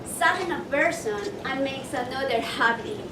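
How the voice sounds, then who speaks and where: Presenting a motivational workshop, an Ecuadorian woman questions her listeners in a slow, deliberate manner. She has a high-pitched voice and a lively intonation. The microphone is distant in an echoing, noisy room.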